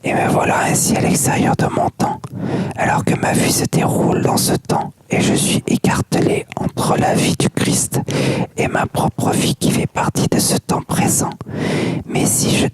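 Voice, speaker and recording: An ASMR reader whispering softly without voice, like in a library, reading a book aloud with asides. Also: measured pace. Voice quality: unvoiced soft whisper. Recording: very noisy whisper recording with mouth clicks.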